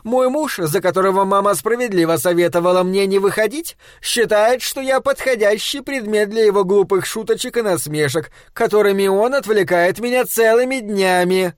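A man reading a storybook aloud, voicing a huge, booming, grumpy shopkeeper's wife who scolds loudly. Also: normal speed, few pauses, no room sound, studio quality, lightly acted. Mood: grumbling.

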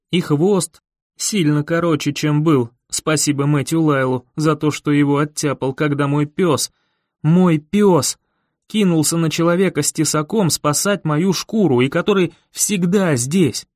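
A man's voice: fairly high pitch, normal speed, no room sound, studio quality. A man reading a first-person audiobook with an intense, urgent inner-monologue delivery. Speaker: audiobook reader.

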